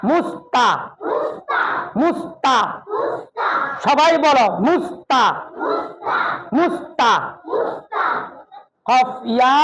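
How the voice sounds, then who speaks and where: A male madrasa teacher drilling children in Quran recitation, sounding out syllables slowly and having the class repeat them aloud, sternly raising his voice on key sounds. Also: very high-pitched, a bit bright. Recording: dull recording, noisy chattering class.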